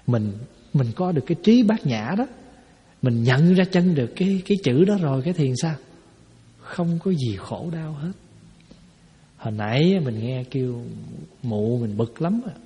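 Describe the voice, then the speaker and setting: A man's voice: medium pitch, mellow. A man, a Buddhist monk giving a folksy dharma talk to a hall, explaining with rhetorical questions. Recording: echoey hall, dull lo-fi sound.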